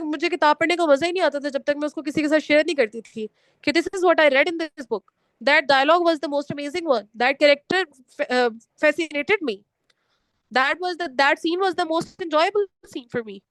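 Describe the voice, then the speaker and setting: Young woman teacher, high voice, dry close sound, mixes hindi and english, explains step by step. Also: a bit bright, no echo. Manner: instructive, mixes Hindi-Urdu and English, slows down for English lines. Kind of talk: online class lecture.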